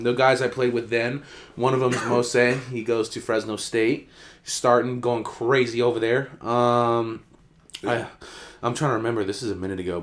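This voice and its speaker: Animated young man telling slangy stories. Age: young adult. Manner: animated storyteller, acts out quotes with big jumps in pitch and loudness; slangy, swears freely. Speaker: podcast co-host, college football player. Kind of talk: casual podcast storytelling.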